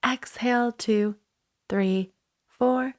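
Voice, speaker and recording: A woman instructor leading a guided breathing meditation in a soothing, unhurried way, leaving pauses between short instructions. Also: fairly high pitch, steady tone.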